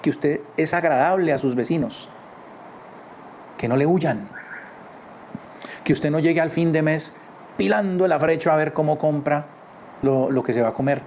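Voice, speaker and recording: A man teaching a religious lesson from his home in a conversational way, often adding quick tag questions. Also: on the high side, a little mellow. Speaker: Torah teacher. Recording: slightly dull recording with faint background noise.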